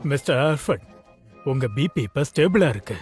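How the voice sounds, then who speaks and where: Brisk husky doctor. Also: male voice, fairly high pitch, very animated, a little mellow, soft background music, heavily acted. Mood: calm. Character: calm hospital doctor, middle-aged. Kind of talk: dubbed drama.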